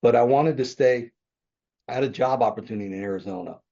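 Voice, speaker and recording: A real estate developer in his sixties recounts his business story as a podcast guest, rambling, self-correcting, and chuckling frequently in an interview conversation. His medium-pitched voice is fast, gravelly and dark. The recording sounds dull and lo-fi.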